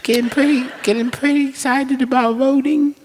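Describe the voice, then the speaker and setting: A man's voice: extremely high pitch, steady tone, normal speed. A man voicing an eager seventeen-year-old boy with a folksy drawl in a tabletop game. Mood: eager, earnest. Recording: echoey hall, loud background noise.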